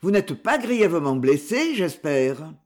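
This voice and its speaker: A man's voice: a little high, sing-song, measured pace, darkish tone. A man reading a storybook, voicing a courteous, well-off older father who speaks with effusive, polite gratitude. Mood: grateful.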